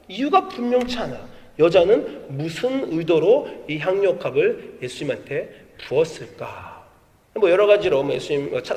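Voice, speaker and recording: Animated Korean pastor in a reverberant church. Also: male voice, fairly high pitch. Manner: animated storytelling, acts out quoted voices. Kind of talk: sermon. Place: church sanctuary. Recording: long hall reverb.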